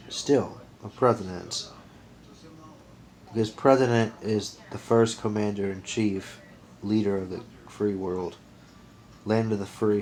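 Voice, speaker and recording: A vlogger in his twenties, with a somewhat low and slightly mellow voice, speaks to camera in a loose, earnest monologue. He rambles, stumbles over his sentences, restarts, and counts aloud, all on a low-quality recording.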